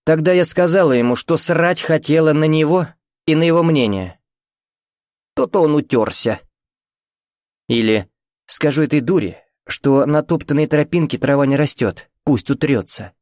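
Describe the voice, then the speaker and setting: A man's voice: on the high side, moderate pace, a little mellow, dry recording, studio quality, pitched above the performer's own voice, lightly acted. A man voicing a cold, scornful middle-aged mother who talks down to her daughter in a cutting, commanding way, in an audiobook. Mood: sneering.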